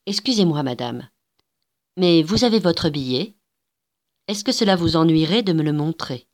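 A woman reading a story aloud and voicing a cold charity lady in her fifties who probes suspiciously in a low, falsely sweet voice. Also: animated, normal speed. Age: 50s.

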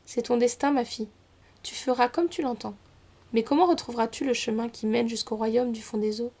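A woman's voice: fairly high pitch, steady tone, brisk, darkish tone. A woman voicing an old widowed mother who is clingy and tearful, pleading and reproachful. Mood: resigned.

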